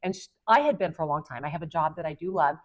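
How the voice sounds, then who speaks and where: This Amazon influencer, a woman in her fifties, has a low voice and fires off words rapidly as a podcast guest. Her casual storytelling meanders and is thick with fillers.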